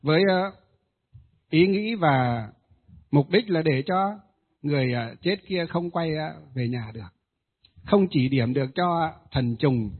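Husky guy recounting a ghost ritual, lots of uh pauses, tinny phone sound. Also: fairly high pitch. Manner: hesitant, many filler pauses. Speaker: Buddhist ritual master. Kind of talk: telling a ghost story.

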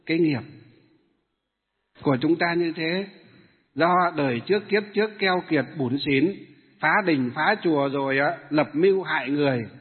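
Husky monk preaching in an echoing hall. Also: male voice, a little high, moderate pace, long pauses. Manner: asks the audience questions and answers them himself. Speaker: Buddhist monk. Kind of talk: dharma talk to lay followers. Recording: tinny phone-like sound in a hall with long reverb.

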